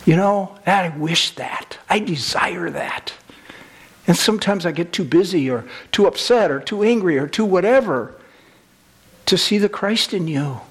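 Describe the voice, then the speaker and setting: A man preaching a sermon, earnest and storytelling, slowing down for emphasis. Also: high voice, lively intonation, breathy edge.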